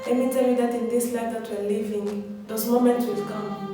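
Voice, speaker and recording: Her voice is fairly high and her delivery flat as she gives a motivational speech at a normal pace, urging listeners on and repeating phrases for emphasis. Music sits behind the very echoey, distantly miked recording.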